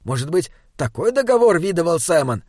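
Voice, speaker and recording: A man's voice: fairly high pitch, big pitch swings, a little fast, a little mellow, no room sound, studio quality. A man voicing a small, earnest male troll sage who speaks in stilted, oddly phrased sentences. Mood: pondering. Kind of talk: audiobook character reading.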